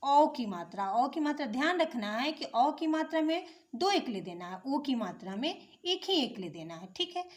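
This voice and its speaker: A woman's voice: high voice, very animated, normal speed, few pauses. A woman teaching young children in a patient classroom manner, asking simple questions and repeating each step. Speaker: primary school teacher. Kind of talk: slow classroom explanation of letters.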